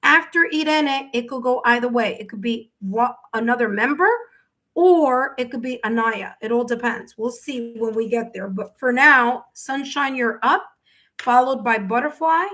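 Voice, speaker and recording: A woman hosting a live-stream tarot reading chats with her viewers in a voice that's a little high, pushed and bright, at normal speed. A native English speaker who also speaks Spanish, she repeats herself and tags her sentences with "okay?"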